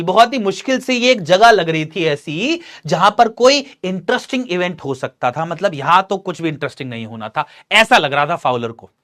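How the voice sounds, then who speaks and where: Male teacher, young adult, reads english lines slow then explains fast. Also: high-pitched, a bit bright. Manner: reads English text slowly, then explains briskly in Hindi. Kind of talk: bilingual literature lesson, reading and explaining.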